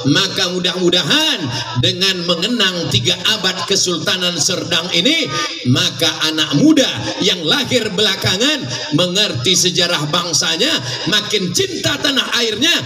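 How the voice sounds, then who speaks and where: Delivering a sermon to a crowd, an Islamic preacher with a high voice speaks expressively at a measured pace, rousing listeners and calling out questions for them to respond to. The live recording is taken from far off, echoey, with the crowd and music audible.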